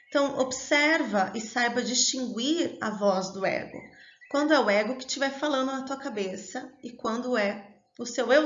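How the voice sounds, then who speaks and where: A woman giving a calm, explanatory self-development lesson, often checking in with a questioning tag. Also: fairly high pitch, lo-fi sound. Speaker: course teacher.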